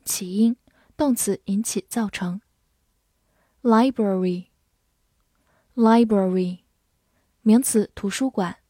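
A woman's voice: medium pitch, mellow, no echo, studio quality. A young woman teacher leading a vocabulary lesson, saying each English word twice before explaining it. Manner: reads words twice, slow and clear, then glosses.

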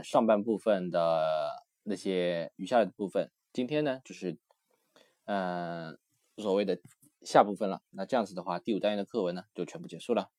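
Low-voiced man teaching slowly. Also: darkish tone, dry recording, clean studio sound. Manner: repeats words slowly, drills pronunciation; loose, conversational teaching with many fillers. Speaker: Italian language teacher. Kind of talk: textbook lesson explanation.

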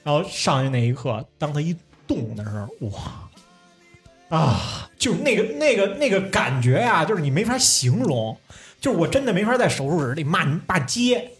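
A young man recounts a story on a podcast, his voice pitched a touch high and swinging widely. He swears, laughs often and tells it animatedly, with faint music behind him. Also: very animated, fairly quick, fairly bright tone, husky. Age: young adult. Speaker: podcast host. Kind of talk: casual chat.

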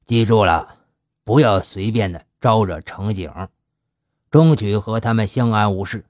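A man's voice: on the low side, darkish tone, no room sound, clean studio sound, lightly acted. A man doing a shrewd old gang boss. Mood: advising. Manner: slow, measured, fatherly. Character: shrewd older male gang boss, foster father.

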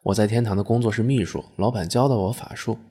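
A man's voice: lowish voice, fast, warm tone, husky. A man voicing a female angel, a heavenly secretary who talks in an impatient, exasperated way and swears. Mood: offhand.

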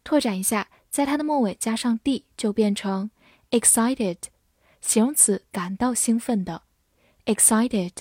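Slow, patient woman teaching English words. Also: fairly high pitch, darkish tone, slightly rough, no echo, clean studio sound. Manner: patient, methodical, spells words letter by letter. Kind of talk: vocabulary lesson, spelling and slow read-alongs.

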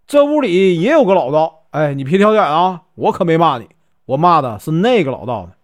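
A man's voice: fairly high pitch, big pitch swings, fairly quick. A man doing a teasing scruffy monk with a Northeastern accent. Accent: Northeastern Chinese. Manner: teasing, mock-humble banter. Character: scruffy, joking wandering monk, middle-aged man.

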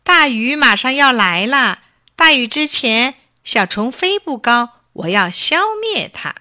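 A friendly swallow who talks like a big sister explains things in a raised, lively voice, as a woman puts her on. She sounds loud and bright, like a voice in a children's storybook. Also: a little high, measured pace, pitched above the performer's own voice, heavily acted. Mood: explaining.

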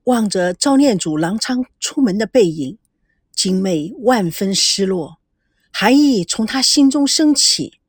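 A woman's voice: medium pitch, animated, a little slow, slightly rough, dry recording, studio quality. A woman narrating a scripted story with dramatic, emotive delivery.

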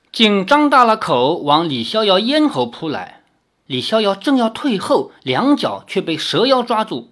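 A woman narrating a martial arts novel aloud in an expressive storytelling manner. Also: deep voice. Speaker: audiobook narrator.

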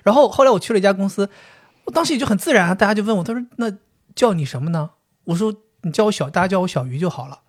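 Man, casual co-host, husky, animated, laughs and swears. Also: sits high, very fast. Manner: laughs a lot, swears, acts out dialogue. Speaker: podcast co-host. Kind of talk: casual chat.

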